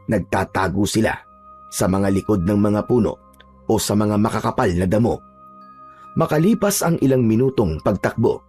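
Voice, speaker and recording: A male storyteller reads a horror tale in a low, husky voice with a dark, mellow tone. He keeps a measured, steady delivery over faint background music. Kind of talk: scripted horror narration.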